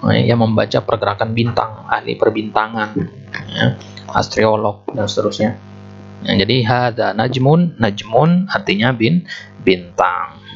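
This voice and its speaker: A man teaching a beginner language lesson, patient, repeating words and spelling out letters slowly. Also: medium pitch, gravelly. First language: Indonesian. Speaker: Arabic teacher. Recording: muffled lo-fi recording with faint music.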